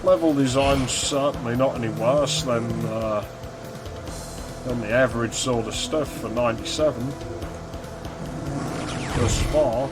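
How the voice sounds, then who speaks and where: A man's voice: medium pitch, a little slow, long pauses. A man giving casual, understated commentary as he plays through a game, musing as he goes. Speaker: gaming video host. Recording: loud game music behind voice. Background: game music and sound effects.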